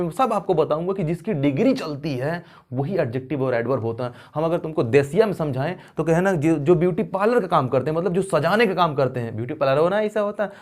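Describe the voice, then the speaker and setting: A man's voice: a little high, a little mellow. A man teaching an English grammar lesson in a playful, jokey way. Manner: playful, jokey, addresses viewers as kids. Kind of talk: classroom lesson.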